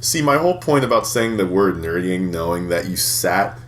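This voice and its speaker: Young guy co-hosting a podcast, rambly crude storyteller, lively swooping pitch, faint hiss behind. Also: moderate pace. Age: 20s. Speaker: podcast co-host. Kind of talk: casual chat.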